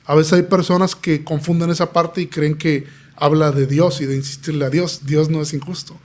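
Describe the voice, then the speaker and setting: A man's voice: fairly high pitch, flat delivery, moderate pace. A man, a pastor telling his testimony in an earnest, preaching tone. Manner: earnest, preaching tone, acts out quoted voices. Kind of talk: podcast interview testimony.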